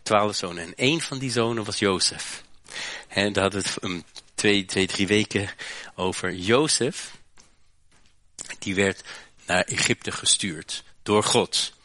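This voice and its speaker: A man from Western Europe preaching a sermon, often restarting and tagging phrases with a quick "hè". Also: on the low side, sharp tone, no echo. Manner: preaching with frequent "hè" and repeated restarts. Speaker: pastor.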